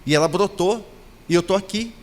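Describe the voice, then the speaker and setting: A man's voice: sits high, a little fast, long reverb tail. A man preaching a sermon as pastor, building to emphatic, repeated declarations.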